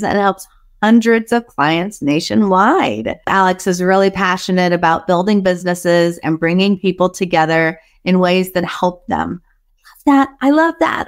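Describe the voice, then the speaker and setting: Speaking from a small home office, a woman hosts a podcast and chats with a guest over a video call in a friendly, effusive, enthusiastic way. Her mid-range voice is clear with a resonant tone, and the exchange feels like a warm interview.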